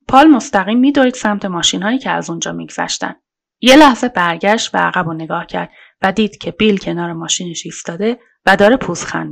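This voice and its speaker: Female podcast narrator, true-crime reading, casual measured delivery, some vocal fry. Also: medium pitch, fairly bright tone. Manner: colloquial, measured storytelling.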